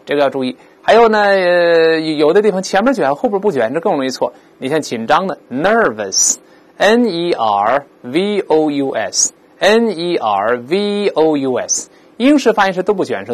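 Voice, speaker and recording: Animated male teacher drilling vocabulary. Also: fairly high pitch. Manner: drills pronunciation, repeating words slowly aloud; explains with lively rhetorical questions. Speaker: English teacher. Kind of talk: vocabulary lesson.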